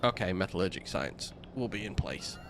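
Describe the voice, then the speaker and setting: Against a noisy background, a low-voiced, animated man casually narrates his game, talking slowly and half to himself about his construction plans. He sounds snuffly from a mild cold.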